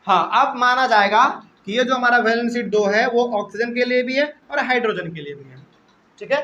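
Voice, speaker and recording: A young man teaching chemistry to a class, repeating key terms slowly and often checking in with his students. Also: very high voice, sharp tone, dull audio, slight background noise. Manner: repetitive, drawn-out, checks in with students. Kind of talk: classroom lecture. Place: classroom with live and online students.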